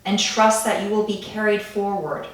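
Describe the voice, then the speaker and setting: A woman leading a calm grounding meditation in a gentle, soothing way, with pauses between phrases. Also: medium pitch. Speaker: meditation guide. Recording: echoey room, distant from the mic.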